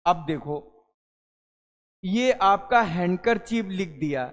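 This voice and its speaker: A man's voice: high-pitched, measured pace, long reverb tail, soft background music. A male English teacher gives a classroom lesson, calling students "beta" and answering his own questions.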